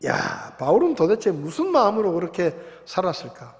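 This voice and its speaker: A male pastor preaching a sermon, shifting between quiet reflection and loud emphatic passages, recorded in a church sanctuary. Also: sits high, huge pitch swings, moderate pace. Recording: long reverb of a church hall.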